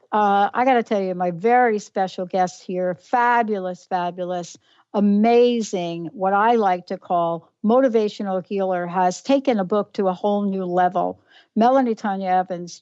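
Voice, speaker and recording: A woman's voice: mid-range voice, a little mellow, dry recording. A woman with a New York accent hosting a radio talk show, effusive and emphatic as she introduces and questions her guest. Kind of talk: casual radio interview. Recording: dull lo-fi radio audio, dry.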